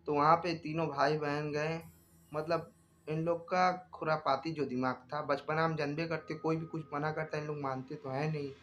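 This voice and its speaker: A man's voice: on the high side, flat delivery, moderate pace, fairly bright tone, slight background noise. A man telling a horror story in a casual, rambling way, full of fillers and repeats. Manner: rambling, many fillers and repetitions. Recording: voice with faint background music.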